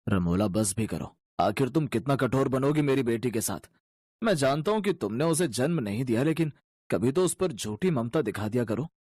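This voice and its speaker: A man voicing a gentle middle-aged father in a cartoon story, speaking calmly and pleadingly. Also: mid-range voice, normal speed, slightly rough, no room sound, studio quality. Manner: calm and pleading.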